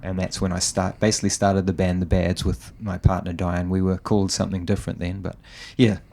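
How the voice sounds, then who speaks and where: Gravelly low New Zealand man. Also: a little fast. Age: middle-aged. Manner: relaxed, self-deprecating, laughs often, many restarts. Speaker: guest guitarist. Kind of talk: casual interview chat.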